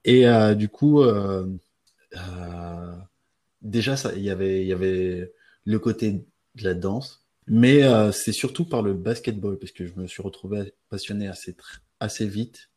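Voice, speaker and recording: A man from French Guiana, a guest beatboxer, answering interview questions in a relaxed, rambling way with many hesitant fillers. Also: fairly low pitch, unhurried.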